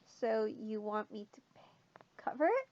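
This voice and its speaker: A woman's voice: on the high side, big pitch swings, unhurried, darkish tone, no echo. Woman reading as a sleepy, snarky young guard. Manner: sleepy and irritable, smirking. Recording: dull lo-fi sound.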